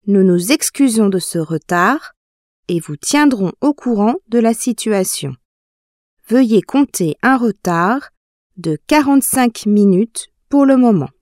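A woman playing an airport announcer, reading a flight notice in a formal, measured way. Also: medium pitch, animated, darkish tone, dry recording, clean studio sound, close to an everyday voice. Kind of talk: scripted public announcement.

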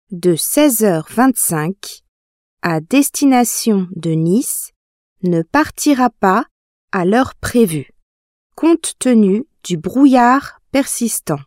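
Actress as a formal airport announcer, slow and measured, higher voice, dry studio sound. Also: female voice, a little mellow, no echo. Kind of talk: scripted public announcement.

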